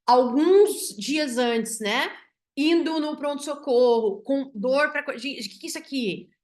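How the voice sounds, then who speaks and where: A woman physician with a Brazilian Portuguese accent tells a patient case to her audience. She speaks in an animated way and often ends her sentences with "né?". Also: high-pitched, unhurried. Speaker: physician teaching symbolic medicine. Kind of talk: storytelling a case to an online audience.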